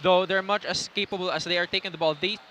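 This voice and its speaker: Bright male sports commentator, faint background noise. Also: sits high, fairly even intonation, quick pace. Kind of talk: pre-game analysis commentary.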